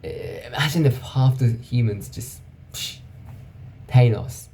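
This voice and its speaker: A man's voice: mid-range voice, normal speed, dark tone, slight background noise. A man talking through his thoughts in a casual, reflective monologue, thinking aloud and often checking in with "right?". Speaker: vlogger.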